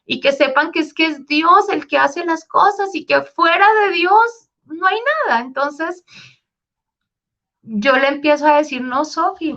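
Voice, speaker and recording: A woman with a high, bright voice tells her personal faith story in an earnest, heartfelt way. The recording sounds slightly dull and lo-fi.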